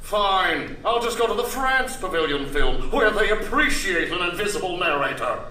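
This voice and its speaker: A man's voice: high voice, big pitch swings, moderate pace. An actor playing a pompous, easily offended documentary narrator who delivers his scripted lines in a solemn, grandiose way. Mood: affronted. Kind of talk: scripted mock film narration. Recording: echoey theater, distant, loud ambient noise.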